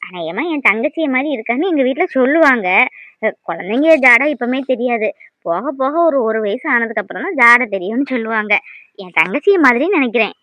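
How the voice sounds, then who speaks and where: A woman voicing a bossy young mother in a cartoon who scolds and threatens in loud bursts. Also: fairly high pitch, animated, brisk, no echo, highs cut off, close to an everyday voice. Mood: chatty.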